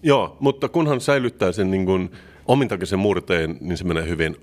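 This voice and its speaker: Deep-voiced joking podcast host. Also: male voice, darkish tone. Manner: dry, playful banter. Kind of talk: casual comedic podcast chat.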